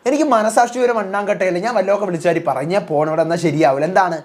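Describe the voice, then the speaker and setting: A woman's voice: fairly low pitch, racing, darkish tone, natural voice. Woman voicing a blunt defiant male housemate. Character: defiant male housemate threatening to expose others.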